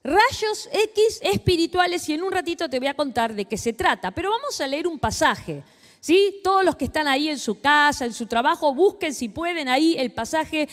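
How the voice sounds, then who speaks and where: A middle-aged woman with a Rioplatense Argentine accent, preaching to a live audience in an animated, teasing way. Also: sits high, big-room sound. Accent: Rioplatense Spanish. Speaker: pastor and speaker. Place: large hall with a live audience.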